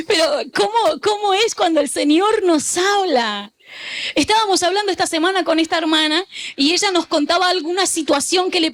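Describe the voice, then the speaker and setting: A middle-aged woman pastor, preaching a sermon and urging the congregation to repeat her phrases. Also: very high voice. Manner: animated storytelling.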